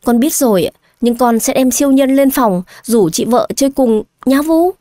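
Woman voicing a childlike grown man, high and dry, clingy and eager, for an audio drama. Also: normal speed, warm tone, no echo, natural voice. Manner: childish pleading tone.

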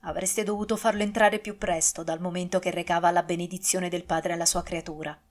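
A grieving duchess, as a woman narrator reads her, speaks softly and gently. Her voice stays quiet and mournful in this audiobook reading. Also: fairly low pitch, flat delivery, fairly quick, natural voice. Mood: gentle sad. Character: grieving noble widow, gentle and sad.

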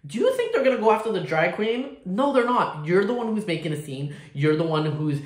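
A man's voice: high voice, big pitch swings, fairly quick. Sassy drag queen man, echoey room. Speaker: drag performer reacting to a video. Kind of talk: reaction commentary, casual chat. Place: indoor room at home, with hard walls.

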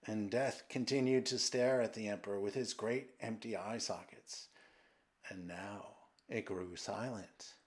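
A man reading a fairy tale aloud slowly and dramatically, sometimes dropping into a whisper. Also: lowish voice, fairly even intonation. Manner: slow, hushed, dramatic, with whispered passages. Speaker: storyteller and translator. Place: old mill, indoors.

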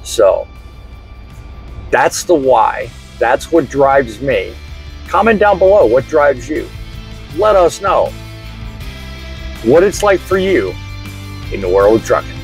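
Soft background music plays under a middle-aged truck driver who vlogs, his mid-range voice very animated. Speaking into a small lapel mic from his truck cab and also outdoors in a parking lot, he addresses the camera casually in an earnest, reflective way with deliberate phrasing.

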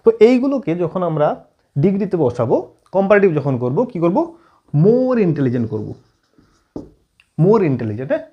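A man teaching an English grammar lesson at a whiteboard, often checking in with his students and slowing down as he writes. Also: high voice, very animated, breathy edge, dull audio. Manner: frequent check-in questions to students; writes on board while explaining, slowing down.

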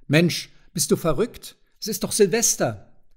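A man reading a gruff, blustering male character who barks orders in loud outbursts. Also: high-pitched, lively intonation, a little slow, voice pushed up, exaggerated voice.

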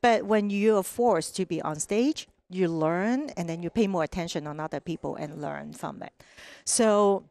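Speaking into a headset mic as a podcast guest, this middle-aged woman from Hong Kong, whose first language is Cantonese, tells stories casually with a Hong Kong accent. Her voice sits on the low side, creaky, at normal speed with few pauses, lively as she performs quoted voices and often tosses in "right?". Sunlight pours through large windows in the room.

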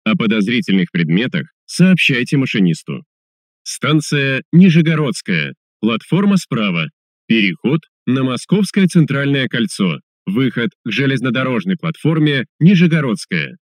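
A man's voice: mid-range voice, very animated, no echo. Dry, formal male subway announcer. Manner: formal, measured, clearly enunciated. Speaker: metro train announcer.

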